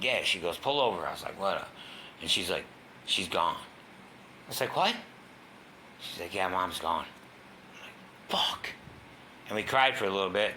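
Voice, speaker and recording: A middle-aged man tells his story bluntly, with occasional swearing. His voice sits very low yet comes across bright and forceful. A faint hiss stays under the recording. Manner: raw, candid, swears, acts out quoted voices. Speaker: guest telling his recovery story. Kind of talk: personal storytelling in a talk show. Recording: faint background noise.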